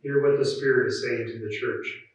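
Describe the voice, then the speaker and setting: A man reading scripture at a church service in a measured, solemn, formal liturgical way, with an echoing cathedral-like sound. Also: medium pitch, fairly even intonation. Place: large reverberant church. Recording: very echoey church, distant muffled mic.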